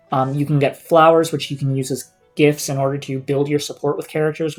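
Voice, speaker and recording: Man casually streaming a game, music behind. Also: fairly high pitch. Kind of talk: casual live gameplay commentary. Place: indoors, voice over game audio.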